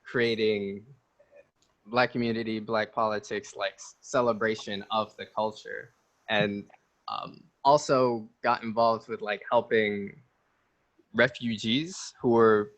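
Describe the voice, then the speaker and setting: A man's voice: lowish voice, fairly even intonation, slow, a bit bright. A 19-year-old man chatting casually as an interview guest, joking, laughing often and rambling with restarts.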